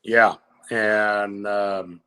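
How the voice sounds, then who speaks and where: Low, even-toned man. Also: very slow, smooth. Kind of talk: casual chat.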